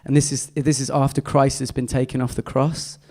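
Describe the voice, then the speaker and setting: A man's voice: medium pitch, level tone, a little fast, dark tone. A man, an artist giving a casual and enthusiastic slide talk full of fillers. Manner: chatty, enthusiastic, many fillers.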